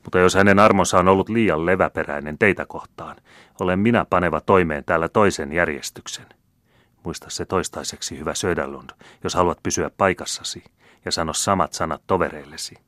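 A man voicing a proud, scheming count, the elder son, smooth and commanding. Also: a bass voice, sharp tone, no echo, studio quality, exaggerated voice. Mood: scolding.

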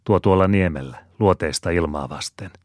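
A man voicing a boisterous, rowdy boatman who exclaims and curses loudly in a storybook reading. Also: deep voice, dry recording, studio quality, close to an everyday voice. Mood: alarmed. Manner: loud, exclaiming, cursing.

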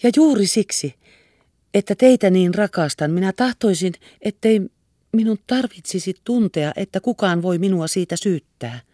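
A woman's voice: medium pitch, lively intonation, mellow, no room sound, clean studio sound, voice pushed up, lightly acted. A woman reader voicing an anxious young woman who pleads tenderly and earnestly. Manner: earnest and imploring.

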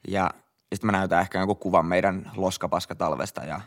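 A man's voice: sits low, fairly even intonation. A young Finnish man co-hosting a casual podcast chat, speaking frankly with lots of filler words and casual swearing. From Finland. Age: young adult. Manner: frank, slangy, with frequent "niinku" fillers and swearing. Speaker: podcast co-host.

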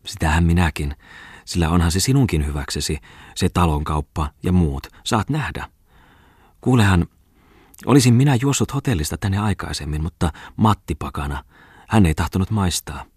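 Sly flirty farm wife as a male reader puts her on, raised husky voice, dry close sound. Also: sits low, a little mellow, dry recording. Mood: teasing. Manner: teasing, giggly, coaxing. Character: sly flirtatious former farm mistress woman. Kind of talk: audiobook character reading.

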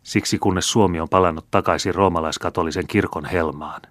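A man's voice: low voice, steady tone, a bit bright, no echo. A male narrator voicing a devout old woman accused of witchcraft, answering in a dry, curt, firm way. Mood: defiant.

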